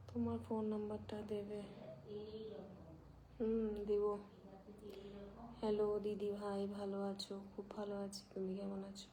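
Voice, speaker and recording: A woman's voice: mid-range voice, completely flat delivery, moderate pace, pauses often, slight background noise. A woman hosting a casual live stream, greeting viewers one by one and chatting. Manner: greets viewers warmly, at times drops to a whisper.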